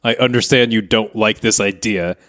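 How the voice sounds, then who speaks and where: A man's voice: lowish voice, steady tone, moderate pace, fairly bright tone, close to an everyday voice. A man playing a pushy, wry ad executive in improvised comedy. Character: exasperated male ad executive on a pitch. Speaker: podcast co-host. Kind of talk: improvised comedy role-play.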